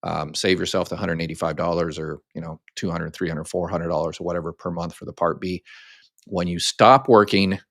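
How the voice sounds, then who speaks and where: A man's voice: low-pitched, steady tone, brisk, a bit bright, no echo, clean studio sound. An older American man hosting a live question-and-answer stream, explaining things casually step by step with frequent ums and restarts. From United States. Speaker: host answering viewer questions. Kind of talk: live Q&A chat.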